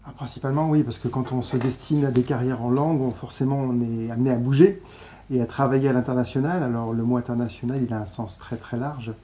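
A man in his thirties, a school's deputy director, sits at a table on a TV studio set answering interview questions. He explains things but hesitates often, talking fast in a steady, mellow, medium-pitched voice with a little hiss or hum.

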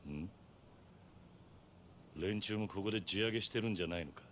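An actor playing a stoic young ex-yakuza in a video game, with gruff, terse yakuza speech. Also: male voice, deep voice, normal speed, a bit bright, a little hiss or hum. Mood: stern, calm. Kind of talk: video game drama acting.

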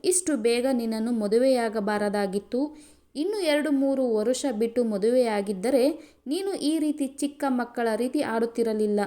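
Woman reading young husband, stern, doting, scolding, fairly high voice, storybook. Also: warm tone, lightly acted. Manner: scolding, then pleading.

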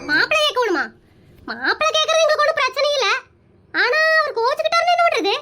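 A woman's voice: extremely high pitch, sing-song, fast, sharp tone, full character voice. A woman voicing a pushy, chatty married aunt in a cartoon comedy, who plays matchmaker and talks. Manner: brash, nosy, rambling.

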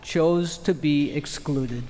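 An older man preaching a homily as a priest at a church lectern, in a measured cadence on a podium microphone. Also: fairly high pitch, dark tone. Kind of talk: homily and liturgy. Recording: long church reverb.

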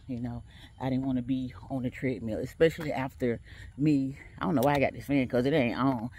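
Low, husky, and darkish in tone, this woman's voice belongs to a vlogger walking an outdoor track. She's a bit tired but chats casually with her viewers, addressing them directly and laughing often.

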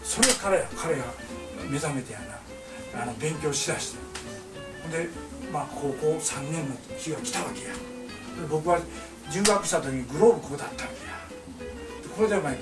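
Lively older man spinning a Kansai tale. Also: fairly high pitch, fairly quick, long pauses, roomy sound, distant mic, over loud music. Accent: Kansai Japanese. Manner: animated, acts out voices, laughs through lines. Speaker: painter telling stories to a small audience. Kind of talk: comic storytelling monologue.

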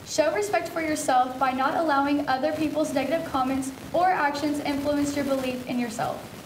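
High-voiced teen girl anchor. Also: steady tone, fairly quick, echoey room, slight background noise. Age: teens. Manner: reads announcements steadily. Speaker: student news anchor. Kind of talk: scripted school announcements. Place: school TV studio.

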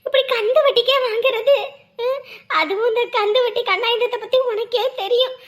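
A woman's voice: very high-pitched, fairly even intonation, normal speed. A woman playing a soothing, scolding village elder sister. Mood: lamenting. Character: comforting village woman, lamenting but reassuring. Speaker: neighbor older-sister figure. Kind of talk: rural Tamil drama acting.

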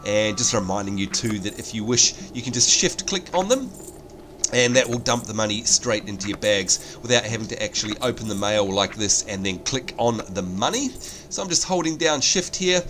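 An Australian let's play host chats to viewers, explaining things during casual gameplay commentary. Hay fever has him congested, so he sounds nasal, as if his nose were pinched. His voice is lowish and expressive at a normal speed, over a noisy background.

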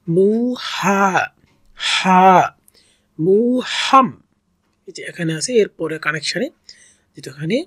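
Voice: medium pitch, husky, no room sound. A reading teacher in a step-by-step lesson, sounding out syllables one at a time, repeating each and drawing out the long vowels. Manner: patient, repeats each syllable several times.

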